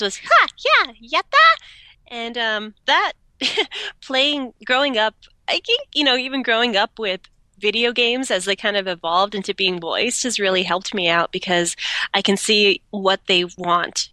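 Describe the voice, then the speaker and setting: Young woman, interview guest: bright, giggly, stuffy-nosed, dry close sound. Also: mid-range voice, dry recording. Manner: bubbly and giggly, quick to laugh. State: stuffy nose from allergies. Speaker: voice actress guest. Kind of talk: casual podcast interview.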